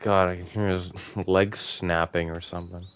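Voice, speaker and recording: A man's voice: low voice, little pitch movement, normal speed, a little hiss or hum. A man giving casual, rambling gameplay commentary as a let's play host, full of fillers and easy laughs.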